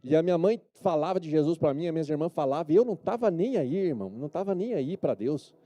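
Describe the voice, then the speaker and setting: Brazilian pastor guy preaching in church, kinda high but super warm dark voice, keeps asking amen?. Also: expressive, fast. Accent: Brazilian Portuguese. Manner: preachy, addresses the congregation with repeated calls for amen and yes-or-no. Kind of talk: sermon. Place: church service.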